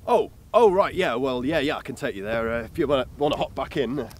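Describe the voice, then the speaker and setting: The same kind of role appears here: an actor as an earnest but clueless folk singer, rambling and hesitant in a mockumentary interview with plenty of filler sounds. He speaks in a natural, mid-range voice with lively intonation and a brisk pace, recorded with roomy, distant sound.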